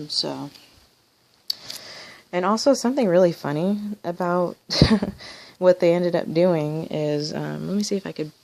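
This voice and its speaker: A woman's voice: lowish voice, slow, vocal fry, pauses often. A woman collector casually showing her toys on video, rambling with many ums and restarts. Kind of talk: casual show-and-tell video.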